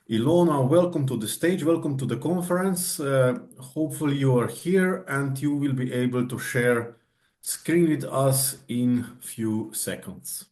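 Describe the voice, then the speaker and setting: A man moderating a conference on a video call, introducing the next presenter with halting uhs. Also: medium pitch. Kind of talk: introducing speakers.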